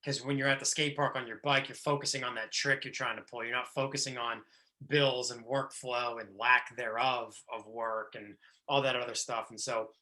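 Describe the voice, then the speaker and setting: A man's voice: mid-range voice, steady tone, normal speed, sharp tone. A man in his thirties hosting a podcast, talking casually and rambling with many restarts. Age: 30s. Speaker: podcast host. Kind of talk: casual chat.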